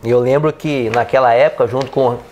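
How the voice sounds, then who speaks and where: A man's voice: mid-range voice, steady tone, brisk, a loud crowd. A man from the São Paulo countryside of Brazil, with that region's accent, interviewing an older woman and recalling shared memories with her. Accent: São Paulo countryside Brazilian Portuguese. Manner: friendly, prompts with shared memories. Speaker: interviewer and city councilman. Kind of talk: casual interview.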